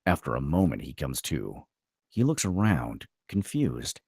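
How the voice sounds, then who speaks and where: In a dry, close recording, a man with an extremely deep voice reads screenplay stage directions dramatically. He speaks unhurriedly, his pitch swinging widely, with a darkish tone and a breathy edge.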